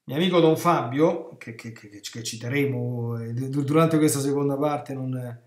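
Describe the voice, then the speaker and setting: Animated priest preaching in a roomy space. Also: male voice, medium pitch, normal speed. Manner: animated, emphatic, with rhetorical questions to the listeners. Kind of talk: retreat sermon. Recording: roomy echo.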